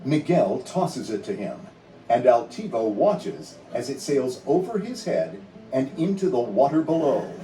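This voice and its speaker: Here a male narrator with a warm, medium-pitched voice performs a children's read-along story in a theatrical, scripted way. There's a bit of hiss or hum, and the audio is roomy and distant beneath music.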